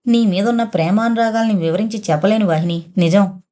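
A woman's voice: mid-range voice, a little fast, dark tone, natural voice. A woman voicing a tender young rich lover. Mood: tender worried. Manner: affectionate, coaxing.

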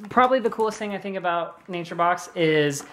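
A man's voice: high-pitched, lively intonation, fairly quick, a bit bright, a little hiss or hum. Upbeat joking young man vlogging. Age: young adult. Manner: upbeat, joking, plugs a sponsor. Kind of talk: casual chat.

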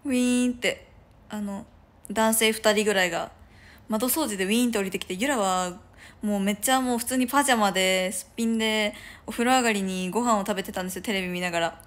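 A young Japanese woman, an idol livestreamer, chats casually from a room at home that has no curtains. Her voice sits at medium pitch and she talks fast, rambling and giggling with lots of fillers.

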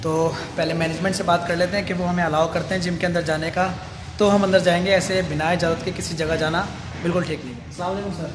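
Excited young man touring a gym. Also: high-pitched, fast, background noise. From Pakistan. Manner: excited, enthusiastic, mixing in English phrases. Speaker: fitness vlogger. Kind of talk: walking gym tour vlog. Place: large indoor gym. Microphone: handheld phone camera. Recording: long hall reverb, faint ambience.

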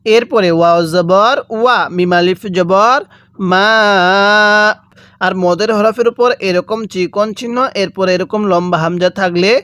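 A man teaching Quran reading, spelling out letters and vowel marks and drawing out syllables slowly for listeners to repeat after him. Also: sits high, fairly bright tone, clear, resonant tone, no room sound, studio quality. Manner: draws out recited syllables very slowly. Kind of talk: step-by-step recitation lesson.

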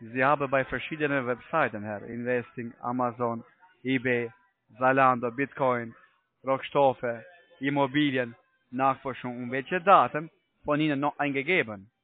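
An American man, not a native German speaker, cold-calls to sell online trading, pushing insistently in broken German. His medium-pitched voice keeps a fairly even intonation at a moderate pace over a tinny phone line.

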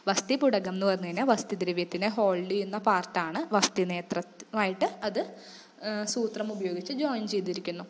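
A woman's voice: mid-range voice, normal speed, big-room sound, slight background noise. A young woman giving an exam-focused lecture, explaining each term step by step with English glosses. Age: young adult. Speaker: student tutor.

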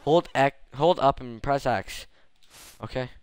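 A man playing a video game and talking over it on a home stream, excitable and quick to swear and yelp. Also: mid-range voice, a little hiss or hum. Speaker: gameplay streamer. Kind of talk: casual let's-play commentary. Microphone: desk microphone.

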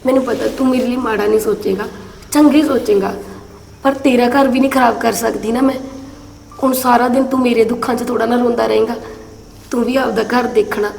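A woman's voice: a little high, vocal fry, a little hiss or hum. A woman playing a tearful young widow. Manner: soft, pleading, tearful. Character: grieving young widowed sister, gentle and selfless. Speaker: actor in a short film. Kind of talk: melodramatic short-film acting. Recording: echoey room with long reverb.

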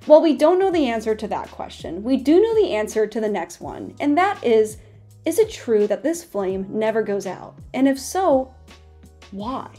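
A young woman hosting a science video, narrating a script in an earnest, gently wondering way straight to her viewers, close to a studio microphone in a small home studio. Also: fairly high pitch, sing-song, normal speed, faint music behind. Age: young adult. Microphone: large studio mic in front of her.

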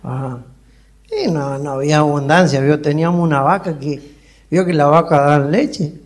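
A man doing a rambling stand-up monologue as a country character. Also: normal speed. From Mendoza, Argentina. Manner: rambling rustic storyteller, animated high voice. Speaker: comedian in character. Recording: live show recording with faint noise.

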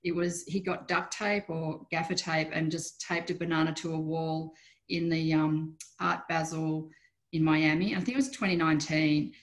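A woman's voice: low voice, little pitch movement, moderate pace, rough recording. A middle-aged Australian woman, an artist chatting informally in an interview, rambling and trailing off mid-sentence, on a video call from a room at home. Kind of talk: casual interview chat. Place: small room at home, indoors.

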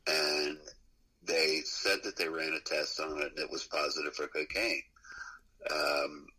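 A middle-aged man with a very low, husky voice spins a loose, profane story, laughing as he goes. His tone is bright despite the depth. It is a casual interview chat. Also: level tone, unhurried, poor audio. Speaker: musician guest.

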